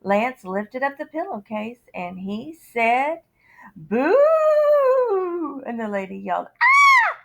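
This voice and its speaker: A woman teacher reading a picture book aloud to her students, expressive with dramatic pauses and sudden shouts. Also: a little high, gravelly, rough recording.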